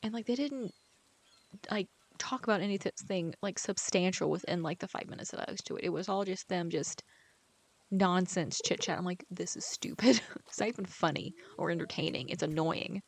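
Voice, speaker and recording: A creaky, lowish woman's voice moves at a moderate pace. As she plays a farming game, this author chats loosely, rambling from thought to thought, packing in "like," and at times softening nearly to a whisper.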